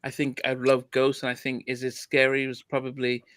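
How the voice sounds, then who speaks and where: A man's voice: mid-range voice, monotone, brisk, fairly bright tone, no echo. A man hosting a podcast, chatting casually about an album with lots of restarts. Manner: hesitant, many restarts and fillers. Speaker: podcast host. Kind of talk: casual music review chat.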